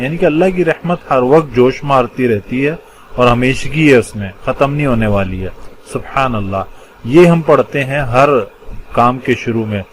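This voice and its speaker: A man teaching a Quran lesson, in a voice of middle pitch. He explains slowly and carefully, pausing between phrases and stressing key terms. Faint background noise sits under the recording. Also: low-quality recording. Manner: explains patiently with pauses, stresses key words. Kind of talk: religious lesson explaining Arabic word patterns.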